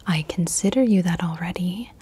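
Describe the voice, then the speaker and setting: A woman in her twenties from Colombia, whispering in a casual ASMR question-and-answer session, softly repeating words over and over. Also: lowish voice, moderate pace, breathy edge. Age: 20s. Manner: casual, swears freely. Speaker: ASMR creator.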